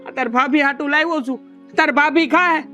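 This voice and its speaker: A lovesick, whiny village brother-in-law. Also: male voice, extremely high pitch, a little fast, bright, forceful tone, soft background music, full character voice. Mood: coaxing. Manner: whiny, pleading.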